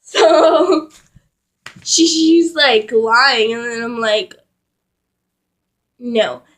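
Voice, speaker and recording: A woman's voice: high voice, extremely slow, fairly bright tone. A young woman vlogger telling a rambling story in a casual, profanity-heavy way, with laughing asides.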